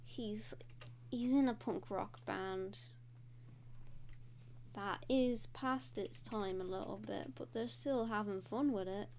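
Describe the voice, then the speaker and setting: A young woman talks casually while drawing, her fairly high voice wandering from thought to thought with lots of fillers. Faint noise sits under the recording. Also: darkish tone. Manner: chatty, rambling, frequent "like" fillers. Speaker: host. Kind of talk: casual draw-and-talk commentary.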